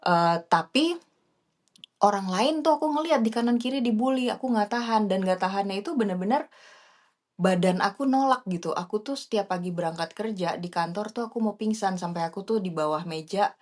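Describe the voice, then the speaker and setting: A young adult woman co-hosting a podcast, sharing a personal story in a casual, animated way and switching between two languages as she talks. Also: medium pitch, a little fast. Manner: mixes Indonesian and English, animated when quoting herself. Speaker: podcast co-host.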